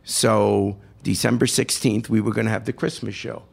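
Older man telling a story, gravelly. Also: lowish voice, moderate pace. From New York. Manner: animated anecdote with quoted voices. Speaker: host.

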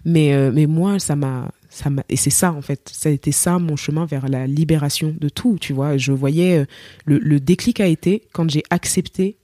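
A woman's voice: deep voice, normal speed, warm tone, dry recording, studio quality. A woman from Cameroon, a singer, telling her story in a casual interview and acting out the voices she quotes. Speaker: singer, podcast guest.

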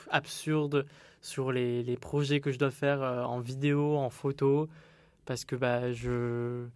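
A man's voice: medium pitch, a little mellow, clear, resonant tone, no echo. A young man hosting his own solo podcast, talking candidly and rambling with frequent restarts. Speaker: podcast host.

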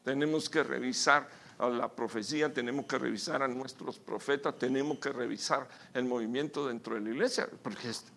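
A male pastor preaching a sermon with emphatic, sudden loud bursts, calling his listeners brother. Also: mid-range voice, fairly quick, creaky.

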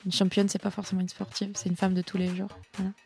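Gravelly-voiced chatty woman guest. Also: mid-range voice, fast talker, soft background music. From Italian heritage. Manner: lively, chatty, repeats words when thinking. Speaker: sports nutritionist, podcast guest. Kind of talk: casual interview talk.

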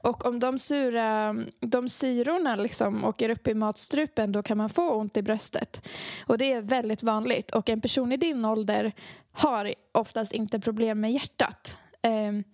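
A young woman chatting casually, telling a story with plenty of laughter and little acted-out exchanges. Her voice sits on the higher side. The recording is dry and close. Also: no room sound. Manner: animated storytelling, acting out quoted dialogue, frequent laughter. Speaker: podcast co-host, songwriter. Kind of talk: casual chat.

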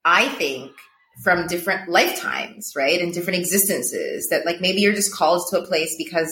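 In a reverberant recording with slight background noise, a Portuguese woman who works as a coach talks as an interview guest in casual conversation. Her fairly low voice has a fairly bright tone and normal pace, and she's reflective, laughing a lot and saying "like" frequently.

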